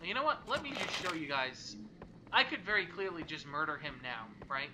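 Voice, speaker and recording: Joking gameplay commentator, slightly high. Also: male voice, very animated, moderate pace, noisy background. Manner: casual, rambling, joking commentary. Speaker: let's play host.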